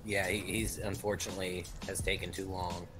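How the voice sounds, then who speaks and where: A man's voice: sits low, little pitch movement, a little fast, a bit bright, faint music behind. A man co-commentating a gaming tournament stream in a laid-back, conversational way. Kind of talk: casual live-stream commentary.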